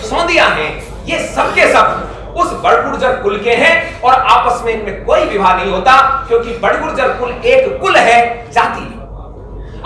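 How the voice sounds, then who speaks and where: A man's voice: extremely high pitch, sharp tone. A middle-aged man giving a formal, emphatic talk at a press conference, listing names and dates as he lectures. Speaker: press conference speaker on history. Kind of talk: formal public address. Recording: echoey room, speaker far from mic.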